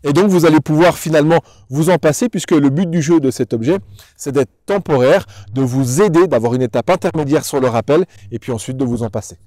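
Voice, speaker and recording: A man's voice: on the high side, fairly quick, dark tone, no room sound. A man working as a dog trainer, explaining things in a didactic, instructional way and addressing the viewer directly. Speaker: dog trainer presenting a tutorial.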